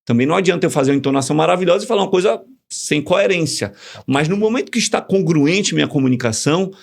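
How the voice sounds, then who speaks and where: Gravelly man explaining. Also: a little high, fast talker. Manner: animated, teacherly, uses examples. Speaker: communication guest. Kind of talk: casual podcast conversation, explaining.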